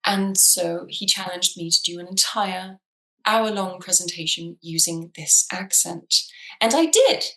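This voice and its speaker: Woman w/ a mixed american-british accent, bright sharp voice, keeps restarting, casual chat. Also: fairly low pitch, low-quality recording. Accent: shifting mix of American and British. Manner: halting, many restarts and repeated words. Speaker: co-host.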